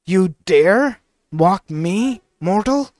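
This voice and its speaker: A man's voice: high voice, lively intonation, extremely slow, a little mellow, dry recording, heavily acted. Man reading a haughty ancient Titan. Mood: menacing. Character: booming ancient male Titan, proud and menacing.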